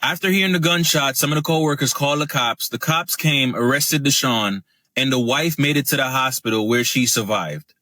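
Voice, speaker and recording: Bright-voiced man recapping a news story. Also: mid-range voice, normal speed, dry recording. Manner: steady, matter-of-fact storytelling.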